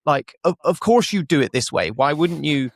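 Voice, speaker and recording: A man's voice: on the high side, expressive, moderate pace, dry recording, studio quality. Man hosting a podcast, rambling questions. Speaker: podcast host. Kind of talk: casual interview questions.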